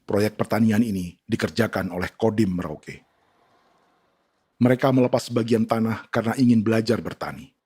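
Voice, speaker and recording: Low-voiced male documentary narrator. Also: husky. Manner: measured, even reading. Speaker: news narrator.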